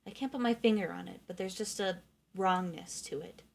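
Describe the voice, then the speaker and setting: A woman's voice: medium pitch, moderate pace, gravelly. A woman reading a novel aloud in first person, expressively acting out the narrator's thoughts.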